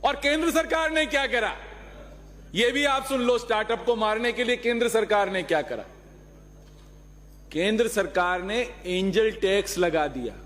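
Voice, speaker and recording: Male lawmaker, high voice, combative floor speech with rhetorical questions, long hall reverb. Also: moderate pace, fairly bright tone. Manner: argumentative, rhetorical questions, mixes in English phrases. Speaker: legislator. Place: legislative assembly hall.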